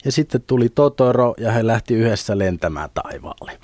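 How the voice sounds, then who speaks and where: A middle-aged man, a lucid dreaming instructor, explaining things in a relaxed way on a radio talk show and chuckling now and then. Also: mid-range voice, dry recording. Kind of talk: radio studio conversation. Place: radio studio.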